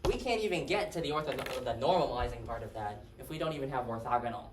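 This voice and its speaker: A man's voice: medium pitch, expressive, quick pace. A man giving a math lecture, talking casually and asking his class questions. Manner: conversational, asks the class questions. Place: lecture hall. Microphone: distant room mic. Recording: roomy, distant, faint hiss.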